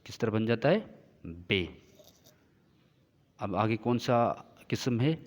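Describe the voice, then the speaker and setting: A male teacher giving a classroom lecture, explaining slowly and repeating points as he checks that the class follows. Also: mid-range voice, a little mellow. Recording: dull lo-fi sound with long reverb.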